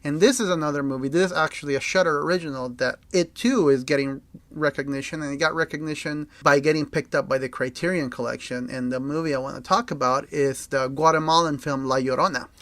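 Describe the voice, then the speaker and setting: A man's voice: a little high, fairly even intonation, fast, a bit bright, dry recording. A young man from El Salvador co-hosting a film podcast, chatting enthusiastically and rambling with lots of fillers. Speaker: podcast co-host. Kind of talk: casual film chat.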